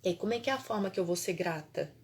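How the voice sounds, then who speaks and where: A woman, a holistic therapist telling a personal story in an animated, emphatic way, repeating phrases for effect. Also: fairly low pitch, very fast.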